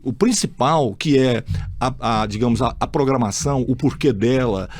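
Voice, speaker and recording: A man's voice: medium pitch, normal speed. A man from Brazil hosting a casual chat, telling anecdotes bluntly, swearing freely and acting out the people in his stories. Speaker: podcast host.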